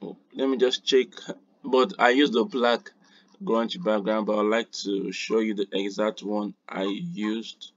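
Man, software tutorial host, unhurried, thinking aloud, muttered asides, dull lo-fi recording. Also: fairly low pitch, steady tone, dry recording.

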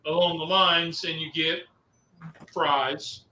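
A man's voice: on the high side, fairly even intonation, slow, sharp tone, roomy sound, a little hiss or hum, poor audio. A man on a landline phone, co-hosting a live cooking stream in easygoing, rambling chat. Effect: over a landline phone.

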